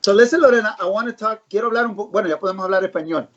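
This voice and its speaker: A woman's voice: medium pitch, rapid-fire. A woman hosting a live online interview, asking questions in an upbeat, chatty way. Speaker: host. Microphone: video call. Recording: dull lo-fi live-stream audio.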